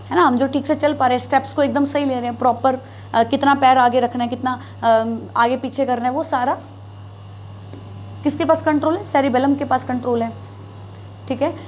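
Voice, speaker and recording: A woman's voice: sits high, steady tone, moderate pace, long pauses, slight background noise. A woman teaching biology in a classroom lecture, mixing Hindi with English terms, asking and answering her own questions. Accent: North Indian Hindi.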